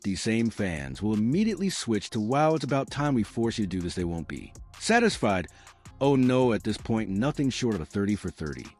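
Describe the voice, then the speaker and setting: Low, sarcastic male narrator. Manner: sarcastic, theatrical. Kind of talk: scripted mocking commentary.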